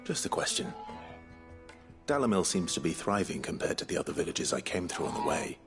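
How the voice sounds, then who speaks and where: A man playing a terse, level-headed wandering swordsman with a measured delivery in a fantasy game. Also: sits low, very animated, over music. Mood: calm, probing. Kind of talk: period fantasy game drama acting.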